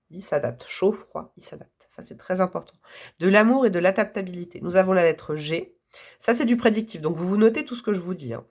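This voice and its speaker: A hoarse woman giving a casual, enthusiastic tarot reading to her viewers, chatty and quick to laugh. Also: medium pitch. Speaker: tarot reader.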